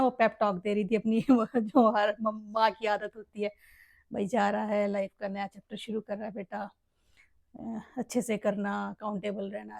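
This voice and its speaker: A woman's voice: medium pitch, vocal fry, a little mellow, no echo. A middle-aged woman with a Haryanvi accent, a mother and family vlogger, chatting casually and emotionally with rambling asides. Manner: emotional, rambling, often addresses listeners as "bhai". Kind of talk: casual heartfelt vlog chat.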